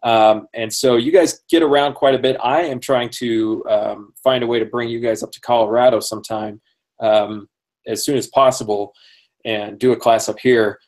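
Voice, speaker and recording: A man's voice: medium pitch, fairly even intonation, normal speed, a little mellow. A man hosting a casual interview, friendly and talkative, often laughing and using many fillers. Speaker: podcast host.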